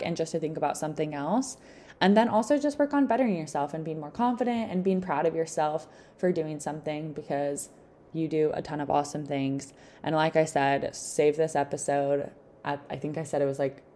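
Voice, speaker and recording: Encouraging young woman with a lower, mellow voice. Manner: encouraging, upbeat; informal, frequent "like" as filler. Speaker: host of a self-help podcast. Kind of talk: casual chatty advice monologue.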